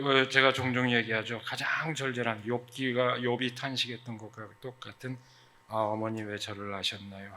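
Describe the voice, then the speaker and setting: A man preaching a sermon as pastor, earnest and emphatic, with frequent fillers and sudden loud stresses. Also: fairly low pitch.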